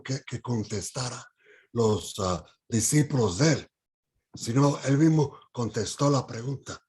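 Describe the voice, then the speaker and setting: A man leads a Bible study at an unhurried pace. His voice is deeply husky and rough. He speaks haltingly, with frequent fillers and restarts, and he keeps putting questions to the group. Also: a little mellow. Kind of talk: leading a Bible study by video call.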